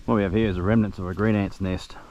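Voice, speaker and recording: A man narrating his fishing trip outdoors by a creek in a relaxed, observant way, talking quietly to the camera. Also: low-pitched, quick pace, lo-fi sound. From Australia. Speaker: fishing vlogger. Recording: outdoor recording with faint background noise.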